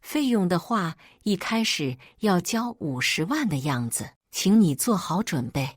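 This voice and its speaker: A woman's voice: on the low side, big pitch swings, measured pace, dry recording, clean studio sound. A woman reading the part of a serious hospital doctor in a grave, businesslike tone.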